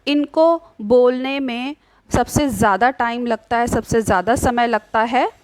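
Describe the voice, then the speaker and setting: High, dry-voiced woman teaching grammar. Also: dry recording. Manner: repeats questions and answers them herself, frequent "ठीक है"; draws out vowel sounds slowly when demonstrating. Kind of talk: explaining a grammar lesson.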